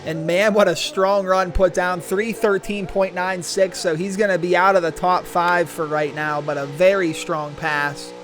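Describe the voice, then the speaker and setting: A man's voice: sits high, steady tone, measured pace, few pauses, faint music behind. A man commentating as a tractor pull announcer, introducing drivers and calling out runs and distances. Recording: loud engine and vehicle noise. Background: vehicle and engine noise.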